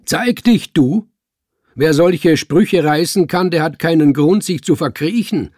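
A man voicing a fat, drunken house owner who shouts curses in anger. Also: on the high side, moderate pace, no room sound, clean studio sound, pitched above the performer's own voice, close to an everyday voice. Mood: angry. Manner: angry shouting, cursing.

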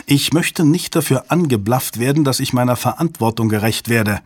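A man's voice: medium pitch, moderate pace, dry recording, close to an everyday voice. A man voicing an insistent female official who presses urgently for answers about a problem. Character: insistent female night-shift official, worried.

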